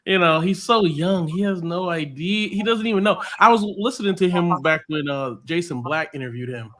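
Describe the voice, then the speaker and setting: A man's voice: sits high, moderate pace, a bit bright, a little hiss or hum. A man, co-hosting a podcast in loose, rambling casual commentary full of restarts. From United States. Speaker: podcast co-host.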